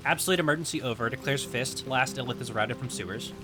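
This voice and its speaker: A man streaming a game live, chatty and excitable, swearing and reacting out loud. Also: medium pitch, quick pace. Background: game music.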